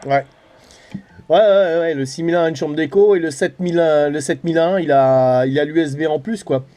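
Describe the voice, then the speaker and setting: Over CB radio, a French hobbyist operator and vlogger in middle age holds a casual, colloquial chat. His voice is fairly high in pitch with a dark tone, and he talks at a moderate pace.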